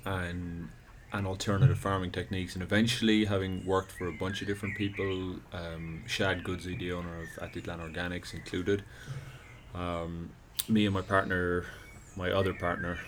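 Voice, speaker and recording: An Irish man in his thirties, a podcast guest chatting casually on an outdoor deck, rambling with restarts. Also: deep voice. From Ireland. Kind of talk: casual chat. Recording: noisy outdoor background.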